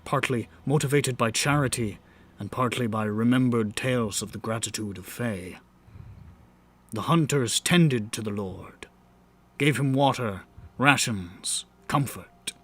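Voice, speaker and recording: A man's voice: mid-range voice, unhurried, fairly bright tone, breathy edge. A man voicing a bard who recites an old fantasy tale in a grand, rhythmic, theatrical storytelling manner. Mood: grand, solemn. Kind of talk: scripted fantasy tale narration.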